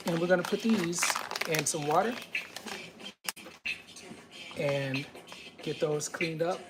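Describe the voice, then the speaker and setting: A man hosting a live stream, narrating casually and haltingly while he cooks in his home kitchen. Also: on the high side, very noisy. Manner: halting, informal, thinking aloud. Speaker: host of a live cooking and health stream.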